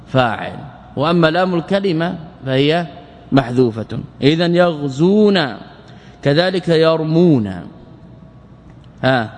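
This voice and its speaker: A man's voice: a little high, darkish tone. Male grammar teacher in a reverberant hall. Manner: repeats words slowly, asks and answers his own questions. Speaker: teacher of Arabic morphology. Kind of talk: classroom lecture explaining grammar.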